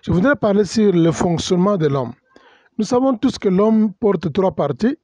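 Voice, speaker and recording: High-voiced pastor teaching a sermon. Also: male voice, animated, normal speed, a little mellow, no echo. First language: bilingual English and French. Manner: spells out words letter by letter, mixes in English terms; hesitant, many fillers and self-corrections.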